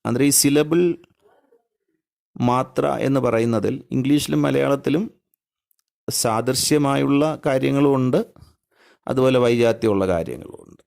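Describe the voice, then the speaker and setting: This man has a lowish, creaky, slightly mellow voice and a Malayali accent. He teaches an English grammar lesson patiently and step by step, asking questions and then answering them himself.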